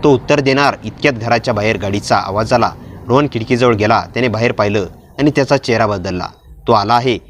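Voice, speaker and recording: A man narrating a dramatic first-person story in a steady storyteller's manner. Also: lowish voice, quick pace, slight background noise.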